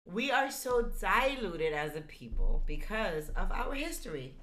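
A woman's voice: medium pitch, big pitch swings, measured pace, a bit bright. A woman co-hosting a podcast, chatting casually and telling stories with emphasis. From United States. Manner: emphatic, storytelling. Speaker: podcast co-host.

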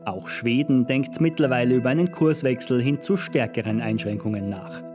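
A man presents a news podcast in scripted narration. His pitch is mid-range, and music plays clearly behind him. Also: moderate pace. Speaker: podcast host. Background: music bed.

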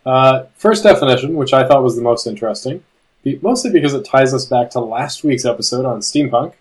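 Canadian man, relaxed podcast co-host. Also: medium pitch, a little fast, low-quality recording. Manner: relaxed, self-deprecating, reads out definitions. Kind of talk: casual podcast chat.

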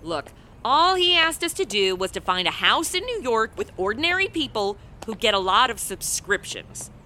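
A woman's voice: on the high side, big pitch swings, normal speed, pushed and bright, a little hiss or hum. An actress playing a flippant modern young American woman stranded in the past, in a comedy audio drama.

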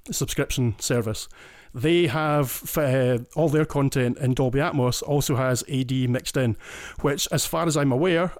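A Scottish man speaks as a guest on a casual podcast, talking eagerly and at length and often restarting his sentences. His voice sits at medium pitch with a darkish tone. The recording is dry and studio quality.

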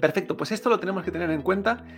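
A man's voice: high voice, racing, faint music behind. A man teaching Chinese pronunciation, patiently repeating each sound for the listener to drill. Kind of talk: pronunciation lesson.

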